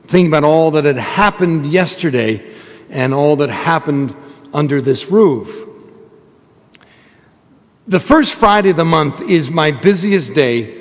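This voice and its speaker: Higher-voiced priest in cathedral echo. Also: male voice. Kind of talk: gospel reading and homily. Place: large church. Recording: long cathedral-like reverberant hall echo.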